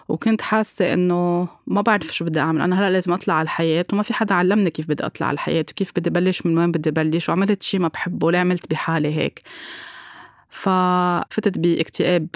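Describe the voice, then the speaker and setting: Fast-talking Lebanese woman. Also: low-pitched, no echo, clean studio sound. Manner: candid, reflective, mixes in English words. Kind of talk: personal testimony.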